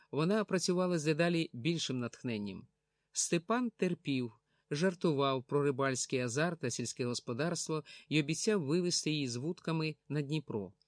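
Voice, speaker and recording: A man reading a novel aloud in measured, even narration. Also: on the high side, dry recording, clean studio sound. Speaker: audiobook narrator. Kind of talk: scripted narration.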